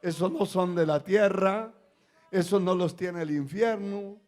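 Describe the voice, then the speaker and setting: A male pastor preaching a sermon, moving from quiet asides to shouted proclamations and acting out the cries of people in the story. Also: sits high, measured pace. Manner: acts out quoted cries of a frightened servant.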